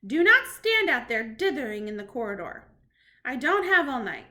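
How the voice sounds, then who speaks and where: A commanding, cruel witch leader who snaps every order, as a woman reading a storybook puts her on. Her voice is loud and clipped, sitting high and bright. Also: big pitch swings, measured pace, full character voice. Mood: snappish. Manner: snapping, commanding.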